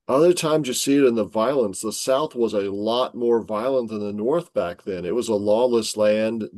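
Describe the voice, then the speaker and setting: Male podcast guest, mid pitch, storytelling explainer, dry close mic. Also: darkish tone, no room sound. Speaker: guest scholar. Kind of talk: podcast interview.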